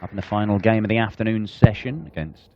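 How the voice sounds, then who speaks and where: Low-voiced male darts commentator. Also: fast. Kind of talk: live sports commentary. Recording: dull broadcast sound with clear background noise.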